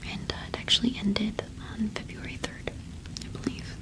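A cottage witch shopkeeper is voiced by a young adult woman in a gentle, halting ASMR roleplay. She whispers softly and breathily, keeping close to the microphone.

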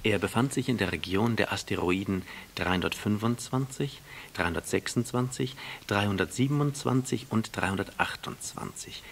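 A man narrating an audiobook in a calm, even storytelling manner. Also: on the low side, moderate pace, gravelly, hardly any pauses, a little hiss or hum. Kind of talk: audiobook reading.

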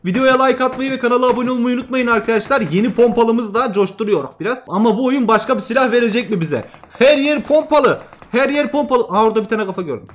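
Young male gaming host, very high voice, hyped trash-talk commentary over gameplay. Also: quick pace, few pauses. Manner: excitable, trash-talking, swings from loud to muttering.

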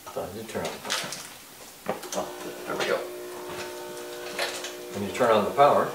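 Older DIY vlogger, low-pitched, plain explaining with fillers; recorded off-mic in an echoey shop with faint background hiss. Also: male voice, animated, normal speed. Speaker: DIY car restoration vlogger. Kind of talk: casual hands-on product demo. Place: large bare-walled workshop indoors. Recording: echoey workshop, distant mic, faint noise.

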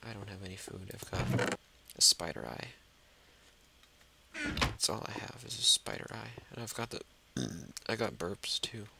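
Over a noisy background and loud mouse clicks, a man hosting a let's play talks to himself and to the monsters, falling to a whisper when frightened. His lowish, creaky voice is very animated but unhurried.

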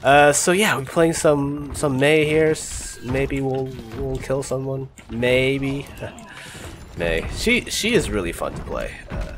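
A young gaming channel host, congested from a cold, gives casual gameplay commentary in a stuffy voice, chatting, laughing and swearing at close calls. His mid-range voice is expressive and slow, with slight background noise. Game music and sounds play clearly underneath.

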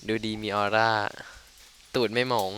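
A man's voice: lowish voice, flat delivery, unhurried, fairly bright tone, a little hiss or hum. A man casually commenting on his game playthrough, joking and swearing as he goes. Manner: crude, joking, rambling. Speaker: gamer. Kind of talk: casual let's play commentary.

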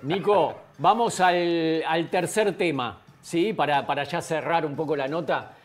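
A man with an Argentine accent hosting an interview, lively and quick to jump in and steer the conversation. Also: fairly high pitch. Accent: Argentine Spanish. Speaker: host. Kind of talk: casual interview chat.

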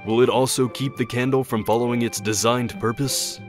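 A man narrates a cartoon in short scripted captions. His voice sits at a middling pitch, with music clearly playing underneath. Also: fairly even intonation, moderate pace.

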